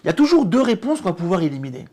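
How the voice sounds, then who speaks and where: Speaking very fast in a high voice, a middle-aged test-prep director and author walks through exam strategy in an interview, with lively emphasis and many restarts.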